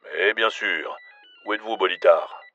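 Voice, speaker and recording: A man voicing a gruff, cold male special agent with an American accent, threatening over the phone in an audiobook. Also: low-pitched, moderate pace, a bit bright, lo-fi sound. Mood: cold, menacing.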